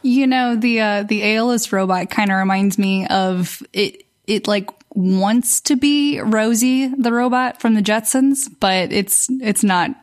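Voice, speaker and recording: A woman's voice: medium pitch, unhurried, hardly any pauses. A woman speaking casually as a podcast panelist, hedging with fillers. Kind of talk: casual chat.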